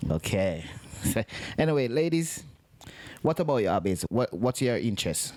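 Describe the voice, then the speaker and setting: A man's voice: mid-range voice, very animated, dry recording. A middle-aged man hosting a podcast interview, joking and chatty, often repeating and restarting his words. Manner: warm, joking, repetitive, halting. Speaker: podcast host. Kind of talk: casual interview.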